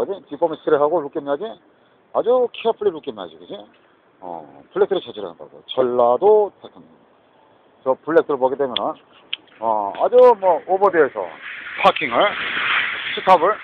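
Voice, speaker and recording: A man talking in a rambling, repetitive monologue, mixing Korean and English, recorded outdoors near a street. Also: fairly high pitch. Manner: mixes Korean and English, repetitive, agitated asides. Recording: tinny phone-like audio with faint noise.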